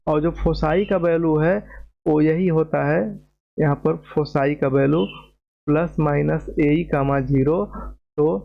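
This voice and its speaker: A man's voice: a little high, fairly even intonation, measured pace, vocal fry, dull audio. A man teaching a maths lecture, explaining step by step at a board, patiently repeating key terms and checking that students follow.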